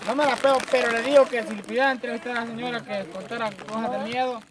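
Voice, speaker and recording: A man's voice: very high voice, fairly even intonation, fast talker, background noise. A man with a Salvadoran accent chats at a campfire and remembers ghost stories from his childhood. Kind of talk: casual chat. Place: outdoors by a campfire.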